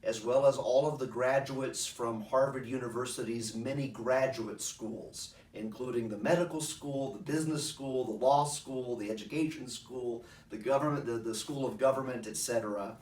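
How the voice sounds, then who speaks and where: A middle-aged man giving an informal explanatory talk in a measured, articulate way, halting now and then with pauses. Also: medium pitch, a little mellow. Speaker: speaker introducing a recording of his own past oration. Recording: roomy echo, distant microphone.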